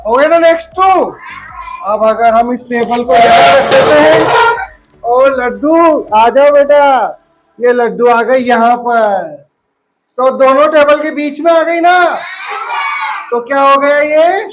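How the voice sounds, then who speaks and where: A woman's voice: high voice, dull audio, noisy background. A woman teaching a grammar lesson to young children, drawing out words and asking the class questions. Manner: slow, drawn-out teacherly calls and questions to the class.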